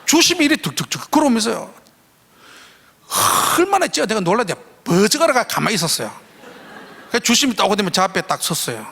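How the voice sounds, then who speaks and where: In a large church, a guest preacher delivers a storytelling sermon in a high, bright voice with wide pitch swings and a gravelly edge. He is an animated storyteller who acts out his own shouting, and his words ring with a long hall echo over slight background noise.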